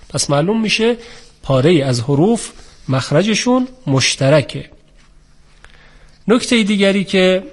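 A man teaching a formal, measured lecture on the articulation of letters for Quran recitation. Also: on the high side, a little mellow. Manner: measured, formal, with polite set phrases. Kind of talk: explanatory lecture on pronunciation.

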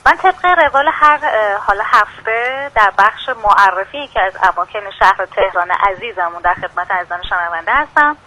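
A woman's voice: medium pitch, lively intonation, few pauses, pushed and bright. A woman contributor speaking over the phone to a radio show, presenting a feature in a friendly, informative way. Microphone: telephone. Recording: phone line into radio broadcast.

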